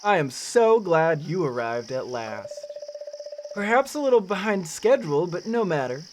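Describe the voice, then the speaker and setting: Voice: medium pitch, very animated, normal speed, noisy background, lightly acted. A streamer reading the lines of a welcoming female historian from a cozy game, formal and gracious.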